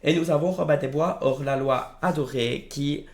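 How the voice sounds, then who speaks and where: Creaky, hoarse man presenting a gaming video. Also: fairly high pitch, moderate pace. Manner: familiar, informal address to viewers. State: hoarse, strained voice after a throat infection. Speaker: video creator presenting card game decks. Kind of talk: casual gaming video commentary.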